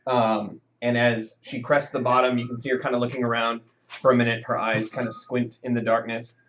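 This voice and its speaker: A man's voice: medium pitch, level tone, a little fast, fairly bright tone, slight background noise. A man narrating as game master, rambling with lots of fillers. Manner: rambling, full of fillers and hedges. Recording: dull lo-fi sound.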